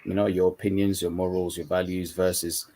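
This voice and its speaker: Male panel guest, very deep voice, casual and loose delivery. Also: little pitch movement, fairly quick, warm tone. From Uganda, then UK. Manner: casual, repeats "you know". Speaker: coach and mentor, panel guest. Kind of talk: online panel discussion. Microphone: video call.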